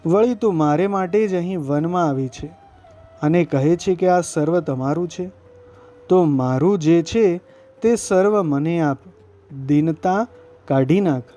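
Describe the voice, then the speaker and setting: A man reading the lines of Krishna, a playful divine cowherd lord, in a gentle, steady recited voice. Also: on the high side, measured pace, close to an everyday voice. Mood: coaxing.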